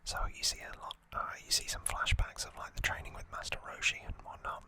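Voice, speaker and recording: The recap comes from an ASMR host in a soft, breathy whisper; it's relaxed and slow, and it includes casual remarks on the side.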